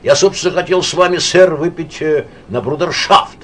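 A man's voice: a little high, normal speed, pitched above the performer's own voice, natural voice. A man reading an audiobook, playing a blunt, boisterous male painter who talks in a brash, offhand, lecturing way.

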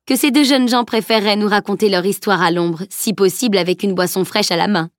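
A woman reading a graceful young woman warrior who speaks playfully and gently takes charge. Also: medium pitch, a little fast, no echo, clean studio sound, natural voice.

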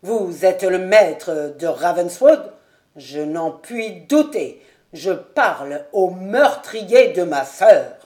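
Woman doing a stern, loud, low-voiced colonel bent on a duel. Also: animated, slow. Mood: furious. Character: vengeful grieving nobleman, a colonel.

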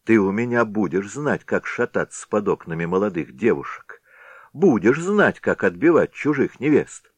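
A defiant young village lad from a storybook tale, mocking and stirring up his friends with a lively, swinging voice. A man voices him while reading. The recording is dry. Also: on the low side, moderate pace, dry recording, voice pushed up. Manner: mocking, rousing.

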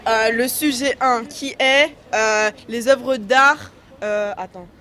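A woman's voice: a little high, takes it slowly, bright, forceful tone. A teenage girl interviewed in the street, hesitant and searching for words. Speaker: high-school student interviewed in the street. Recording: street crowd noise behind.

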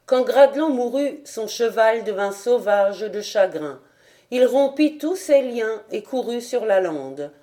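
A woman reading a legend aloud as an audiobook narrator, with dramatic, expressive storytelling. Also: fairly high pitch, a little slow. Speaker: audiobook reader.

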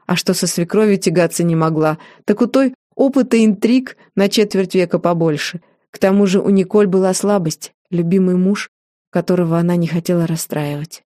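A woman reading a first-person novel aloud in a measured, wry manner. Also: on the low side, warm tone, no room sound, studio quality. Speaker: audiobook reader.

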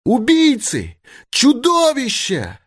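Impassioned young woman, voiced by a man for an audiobook; pitched high, lively. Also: slow, husky, no echo, clean studio sound, exaggerated voice. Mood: pleading, crying out. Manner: impassioned, pleading. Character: young woman, spirited and indignant. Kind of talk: audiobook character reading.

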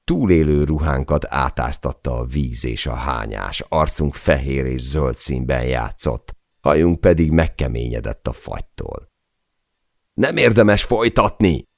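A man reading an adventure memoir aloud as an audiobook narrator, in measured, dramatic storytelling. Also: very deep voice, gravelly, darkish tone, no echo, studio quality.

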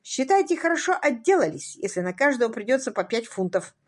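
A woman's voice: a little high, sing-song, a little fast, a little mellow. Woman doing a stern officious constable.

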